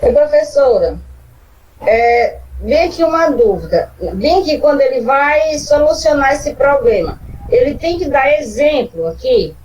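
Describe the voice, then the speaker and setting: High-voiced woman student asking questions. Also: animated, unhurried, a little mellow, far from the mic, poor audio. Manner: questioning, seeks confirmation.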